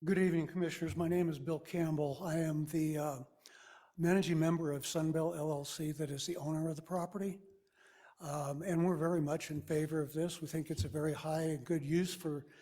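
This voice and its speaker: Senior male property owner at a hearing, fairly high voice, explaining his position to commissioners. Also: a little mellow. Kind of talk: public comment at a hearing. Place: county meeting room.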